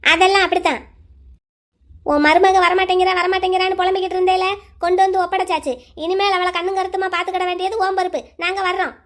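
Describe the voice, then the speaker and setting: Cartoon granny, old and bossy, scolds and meddles, very high shrill voice, a woman voices her. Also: flat delivery, quick pace, a bit bright. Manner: bossy, scolding, rural Tamil speech. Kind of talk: cartoon voice acting.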